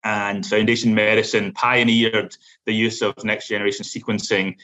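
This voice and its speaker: A middle-aged man with a Glasgow Scottish accent speaks in a low, bright, flat-toned voice. He tells his career story in a measured way, with frequent fillers and restarts. The audio is dull and lo-fi. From Scotland. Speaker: guest, lab operations executive. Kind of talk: interview storytelling.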